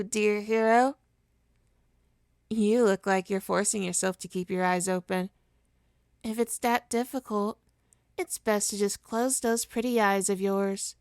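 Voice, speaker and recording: Her voice is medium in pitch and natural as she plays a smug, alluring supervillain in ASMR roleplay. She coaxes and teases her heroic nemesis in a slow, deliberate, hypnotic manner. The sound is dry, clean, and studio grade.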